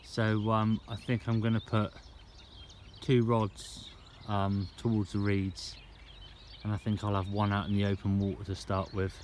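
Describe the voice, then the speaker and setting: A man's voice: on the low side, level tone, a little slow, a little mellow. A man talking casually to camera in a laid-back, slangy way, as a fishing vlogger. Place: outdoors at a fishing lake. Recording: outdoor ambience and background noise.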